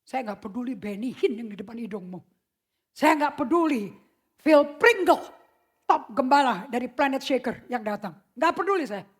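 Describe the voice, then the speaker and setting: A woman preaching a sermon in a casual, slangy way, mixing in English phrases and swinging from loud shouts to hushed whispers. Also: on the high side, lively intonation, moderate pace, slightly rough. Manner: mixes English phrases into her speech; casual slangy emphatic delivery.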